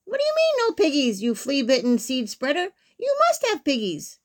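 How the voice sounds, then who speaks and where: Storybook witch , played by a woman: shrill, cackling, greedy, short-tempered, bossy delivery with big pitch swings. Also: lively intonation, unhurried. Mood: furious screeching. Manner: exclamatory, bossy, insult-slinging.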